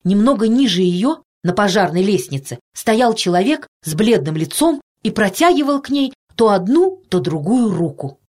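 A woman narrating a children's story in an expressive, playful way. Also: mid-range voice, moderate pace, few pauses. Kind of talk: storybook reading.

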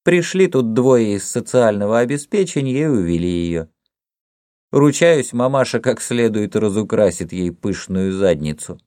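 A bitter, sharp-tongued young woman played by a man reading an audiobook speaks in a raised, lively voice that swoops up and down. She sounds sour and scornful, never soft. The sound is dry and close. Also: lowish voice, unhurried, no echo.

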